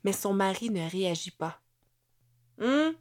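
Slow Québécoise audiobook narrator. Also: female voice, mid-range voice, a little mellow, no room sound, studio quality.

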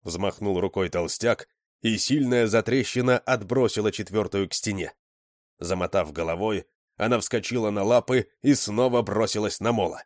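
A man narrating an audiobook in an expressive storytelling manner. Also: lowish voice, normal speed, no room sound, clean studio sound.

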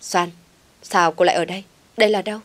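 A woman's voice: on the low side, steady tone, fast talker, fairly bright tone, close to an everyday voice. A woman voicing a bewildered young man who stammers in panic. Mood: panicked. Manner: stammering, flustered.

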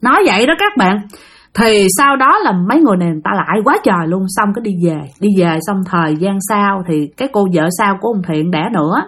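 Husky Southern Vietnamese woman telling ghost stories. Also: medium pitch, animated, fast talker, a bit bright. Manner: chatty, addresses listeners directly, many fillers. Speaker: storyteller. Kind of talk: spoken ghost story told to listeners.

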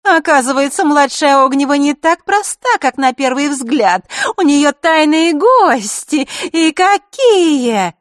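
A woman's voice: high voice, animated, takes it slowly, hardly any pauses, no room sound, studio quality, voice pushed up. A woman voicing a sly, mocking teenage girl in an audiobook, with a sing-song, taunting delivery. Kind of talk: audiobook character reading.

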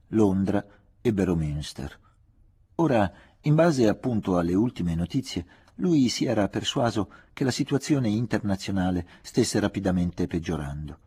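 Low, husky male audiobook narrator. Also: warm tone. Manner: measured, reflective, restrained. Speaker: audiobook reader. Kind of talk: scripted literary narration.

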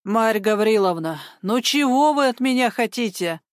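A woman's voice: on the high side, animated, moderate pace, no room sound, studio quality, natural voice. A woman voicing a young male sergeant on duty who sounds exasperated and a little whiny.

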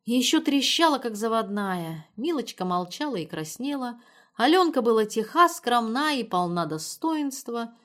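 A woman's voice: fairly high pitch, sing-song, moderate pace, a bit bright, pitched above the performer's own voice. A woman reading the part of an impatient, sardonic young woman in an audiobook. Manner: sardonic, irritable.

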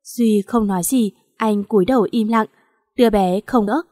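A woman's voice: mid-range voice, moderate pace, dark tone. A woman narrating a sad melodrama in an emotional, sorrowful way. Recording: long hall reverb.

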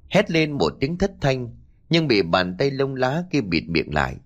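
A man narrating a horror story with dramatic delivery. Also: medium pitch.

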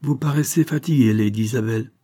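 A man voicing a sharp, scolding spinster sister-in-law who contradicts everything. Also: mid-range voice, quick pace, pitched above the performer's own voice, lightly acted. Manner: sour and contradicting.

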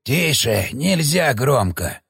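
A fearful ancient elder with a gravelly, husky voice, as a male narrator puts him on, speaking in hushed, halting bursts. The voice sits a little higher than usual and swings widely in pitch. The storybook reading is dry and close. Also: sing-song, no echo, exaggerated voice. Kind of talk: audiobook character voice.

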